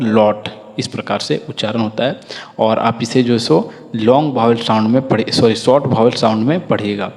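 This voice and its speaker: A man's voice: medium pitch, darkish tone. A man teaching a phonics lesson, who explains patiently, drills word lists and asks listeners to repeat after him. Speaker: English teacher. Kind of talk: classroom-style phonics lesson. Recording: long hall reverb.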